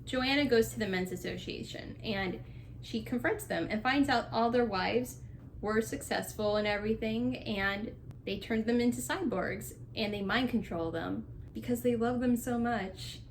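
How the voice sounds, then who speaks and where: A woman's voice: on the high side, moderate pace, a little hiss or hum. A young woman chatting casually and sarcastically as she recaps a movie, laughing often. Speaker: vlogger. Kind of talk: casual movie recap while doing laundry.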